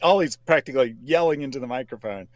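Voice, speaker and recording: A man's voice: medium pitch, quick pace, no room sound. A man co-hosting who retells others mockingly, quoting them in exaggerated voices. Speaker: co-host.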